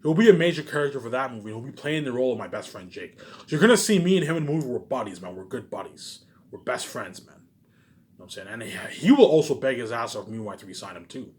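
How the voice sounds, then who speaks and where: A young adult man, an aspiring filmmaker, rambles casually in a medium-pitched, slightly mellow voice that's animated and fast. He's brash and boastful, swears now and then, repeats himself, and keeps tacking stock words onto the ends of phrases.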